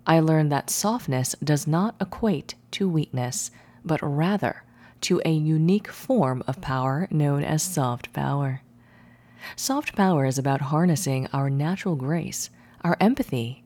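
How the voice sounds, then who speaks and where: A woman's voice: low voice, a little mellow. A woman reading a scripted audio newsletter as its host, poised and speaking intimately to the listener.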